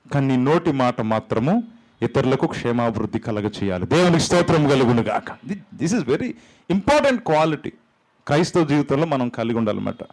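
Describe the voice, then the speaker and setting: A man preaching a sermon, animated, acting out quotes with big jumps and drops in pitch, slipping English phrases in. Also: low-quality recording. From India. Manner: mixes English phrases into his talk. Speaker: pastor.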